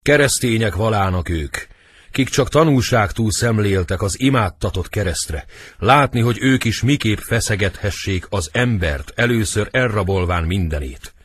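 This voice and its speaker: A man's voice: animated, slight background noise, natural voice. A man voicing a cowardly, scheming young nobleman in a dramatic audiobook reading. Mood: cursing. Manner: shrill, pleading stage delivery.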